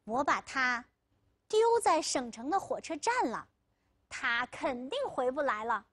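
A selfish, scheming young village man who brags one moment and pleads the next, as a woman lecturer acts him out in a high voice. Her pitch swings widely as she tells the story. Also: big pitch swings, measured pace, a bit bright, husky, exaggerated voice. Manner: boastful and pleading by turns.

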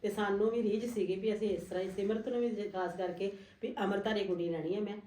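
A middle-aged woman answering casually as an interview guest, a little halting with repeated filler phrases. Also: mid-range voice, steady tone, mellow, recorded from a distance. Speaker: groom's mother, interview guest. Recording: roomy echo, away from the mic.

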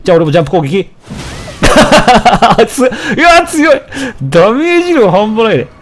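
A man narrating his own gameplay in a relaxed, chatty way that keeps swinging into loud taunts. His voice sits a little high and leaps up and down constantly. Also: normal speed. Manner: animated, taunts enemies, shouts at the game. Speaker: let's play commentator. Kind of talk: casual gameplay commentary.

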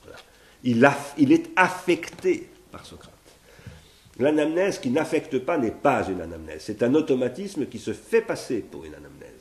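Speaking at a moderate pace with a medium-pitched, sing-song voice, a French man in his sixties reasons his way through a home philosophy seminar, partly read from notes. He searches for ideas aloud, often restarting and repeating words, while a fixed camera at medium distance records him in an echoey living room indoors.

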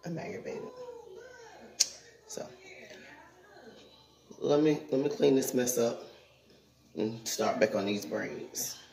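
A middle-aged woman vlogger and parent speaks slowly in a deep, bass voice with vocal fry, pausing often as she chats plainly and directly to viewers. She's indoors at home, moving through the kitchen and hallway, with a phone at arm's length; the sound is roomy and echoey, and a crowd can be heard in the background.

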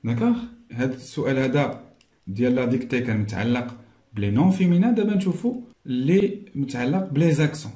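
A man with a Moroccan accent teaching a recorded lesson, explaining step by step and slowly repeating each French word. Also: medium pitch, mellow, reverberant.

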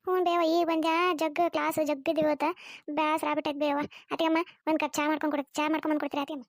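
A woman's voice: high voice, level tone, racing, no room sound, studio quality. A woman with a North Karnataka accent voicing a pampered, tattling young college-girl daughter in a cartoon, whiny and complaining. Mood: tired. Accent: North Karnataka Kannada.

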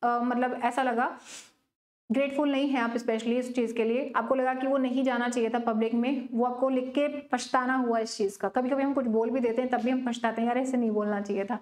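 Woman, Indian accent, high pitch, chatty teacher, echoey room. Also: level tone, a little mellow. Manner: chatty, scolding, reads questions out slowly. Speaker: online English literature teacher. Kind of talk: live exam-prep class, mixing Hindi and English.

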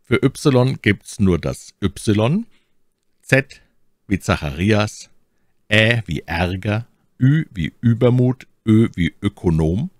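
Male instructor, low register, dry close recording, spelling things out item by item. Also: lively intonation, takes it slowly, no echo. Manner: spelling it out letter by letter with example words. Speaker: German language teacher. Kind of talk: scripted instructional narration.

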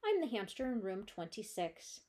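A woman voicing a cheerful, curious male hamster class pet in a storybook read-aloud, talking in a squeaky, friendly, eager way. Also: very animated, moderate pace, a little mellow.

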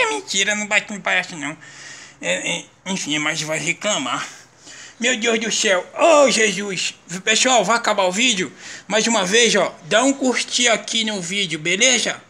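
A young Brazilian father in clown makeup, talking playfully to viewers and coaxing his small son, laughing often and jumping into high sing-song calls. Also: moderate pace, gravelly, sharp tone. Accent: Brazilian Portuguese. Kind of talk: casual home video talking to viewers. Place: at home with a small child.

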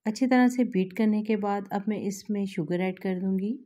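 A woman host, calmly explaining a recipe step by step to her viewers in a voice-over. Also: medium pitch, normal speed. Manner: calm, instructive, addresses viewers directly. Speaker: cooking channel host.

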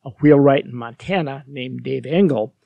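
A man narrating a scripted history lesson, steady and explanatory, with lighthearted dry asides to the viewer. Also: medium pitch, normal speed, creaky, dry recording, dull audio.

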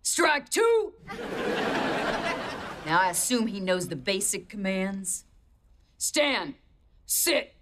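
A stern, bossy dog trainer. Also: female voice, medium pitch, very animated, very slow, long pauses, exaggerated voice. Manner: domineering, barking curt commands. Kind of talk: sitcom acting. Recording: sitcom audio with loud background noise.

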